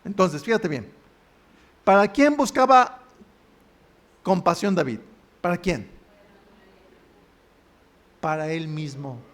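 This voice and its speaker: High-voiced Mexican pastor preaching. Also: male voice, expressive, takes it slowly, long pauses, fairly bright tone. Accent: Mexican Spanish. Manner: asks the congregation questions and answers them himself. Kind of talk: sermon. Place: church.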